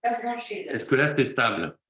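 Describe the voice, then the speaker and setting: A man, a psychologist, speaking on an internet call whose audio keeps breaking up, halting and repeating himself. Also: medium pitch, wildly swooping pitch, sharp tone, husky. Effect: choppy internet call audio breaking up. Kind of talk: conversation on a video call. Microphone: video call. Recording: roomy, choppy online call.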